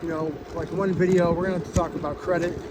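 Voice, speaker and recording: A man with a slightly high voice talks fast in a fairly even tone, casually vlogging to his followers while riding an electric bike on an outdoor bike trail. His motivational talk is earnest, rambling, and plain-spoken, with a slight lisp from missing front teeth. Loud wind and traffic noise fill the outdoor recording.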